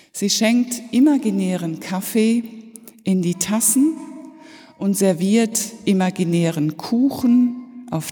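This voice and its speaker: Woman, pastor, sermon, unhurried, reflective pauses, reverberant church. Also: lowish voice, mellow. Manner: slow, reflective storytelling with pauses. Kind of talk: Easter sermon.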